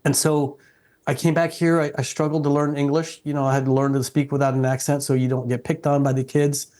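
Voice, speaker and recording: Being interviewed as a guest, this middle-aged man born in South Vietnam talks in English fairly quickly, his slightly high voice mellow and level in tone. Earnest and respectful, he frequently starts his sentences over.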